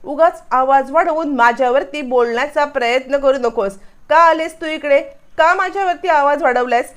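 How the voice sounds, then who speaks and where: A woman's voice: sits high, moderate pace, lightly acted. A woman reading the lines of a proud, angry young woman, scornful and dismissive, in a retold serial.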